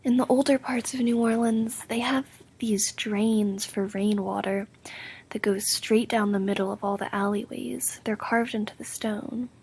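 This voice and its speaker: A woman performs an ASMR role-play as a drowsy, affectionate girlfriend. Her soft voice is very breathy and often creaky. She speaks slowly and intimately, drifting from one phrase to the next. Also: medium pitch, fairly even intonation. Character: affectionate sleepy girlfriend recounting a dream. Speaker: roleplay audio performer playing a sleepy girlfriend.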